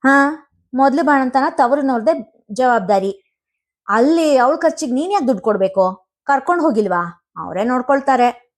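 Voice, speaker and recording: A stubborn mother-in-law, scornful and curt, brushing off every complaint, as a woman reader puts her on. Her voice sits a little high and clipped. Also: fairly even intonation, measured pace, pauses often, dark tone, close to an everyday voice.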